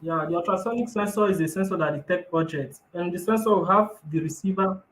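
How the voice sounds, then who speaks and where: A man on a bad video-call connection that keeps cutting out, explaining his invention in an apologetic, halting way. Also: high voice, fairly bright tone. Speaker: guest presenting an invention. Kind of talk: show-and-tell explanation on a call. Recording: echoey, choppy call audio.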